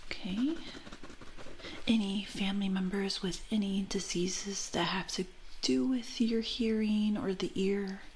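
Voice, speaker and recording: A woman in an ASMR role-play as an ear examiner, speaking in a soft, breath-only soft voice with a gentle, reassuring manner and frequent check-ins. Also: medium pitch, fairly even intonation, unhurried, slight background noise, low-quality recording. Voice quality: soft unvoiced soft voice.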